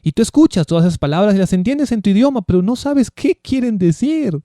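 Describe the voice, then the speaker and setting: A man's voice: high-pitched, expressive, a little fast, dark tone, no room sound, studio quality. A man giving a Bible teaching sermon, emphatic and full of rhetorical questions. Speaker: preacher.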